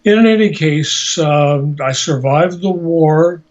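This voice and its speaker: Searching for words, an eighty-year-old man speaks in a halting, measured way while telling his personal story as a Holocaust survivor. Born in Slovakia and Hungary, he later moved to the United States. His slightly mellow voice runs on the high side, captured on a dull, lo-fi amateur recording.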